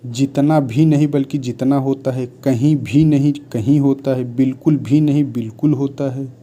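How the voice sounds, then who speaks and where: A man teaching Hindi spelling, reading out word lists one by one in a measured dictation style. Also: medium pitch, steady tone, warm tone.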